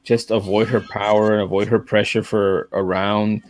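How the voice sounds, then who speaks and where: Casual fight talk comes from a podcast co-host whose voice is lowish and whose speed is normal. Full of energy, he leans on "man" and "dude" often and dramatizes quotes as he tells them.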